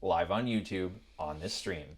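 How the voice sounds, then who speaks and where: Low-voiced male event co-host. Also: moderate pace. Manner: announcing, with light dry jokes. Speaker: co-host of a film screening livestream. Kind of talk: scripted event hosting.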